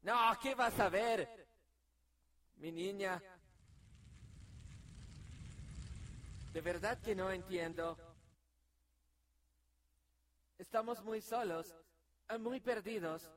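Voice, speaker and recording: An actor playing a frightened man lost in the dark, fretful and repeating himself, rising into panicked shouts, in an amateur audio drama. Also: sits high, unhurried, recorded from a distance, slight background noise. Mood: uneasy.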